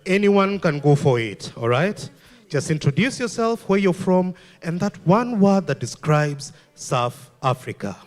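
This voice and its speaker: A man's voice: on the high side, expressive, a little slow. A man hosting an event informally, addressing guests directly. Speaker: event host. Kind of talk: informal hosting with a roaming mic.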